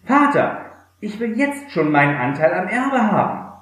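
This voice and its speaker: A man's voice: high-pitched, sing-song, measured pace, fairly bright tone, voice pushed up, exaggerated voice. A man reading aloud who voices a desperate, remorseful young son, recorded in a very echoey room. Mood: demanding.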